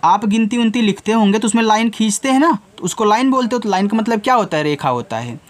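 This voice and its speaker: A man's voice: high voice, expressive, fast talker. A man teaching children, spelling out words letter by letter and answering his own questions. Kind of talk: spelling and explaining lesson.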